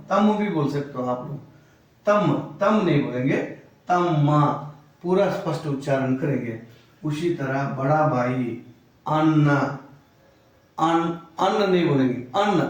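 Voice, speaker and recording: A man from Karnataka teaching a spoken lesson, repeating each word slowly and stressing its pronunciation. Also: medium pitch. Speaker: language teacher. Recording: very echoey room, voice far from the mic.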